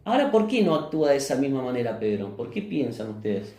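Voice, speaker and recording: A man's voice: mid-range voice, very animated, fast talker, mellow, echoey room. A man with a Rioplatense Spanish accent preaching a sermon as pastor, often putting questions to the congregation and answering them himself. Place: church hall.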